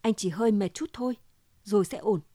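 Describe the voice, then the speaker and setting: A woman's voice: medium pitch, fairly quick, mellow, dry recording, studio quality, lightly acted. A woman voicing an anxious, brooding husband who talks in a gloomy, muttering way. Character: anxious husband, middle-aged man, brooding.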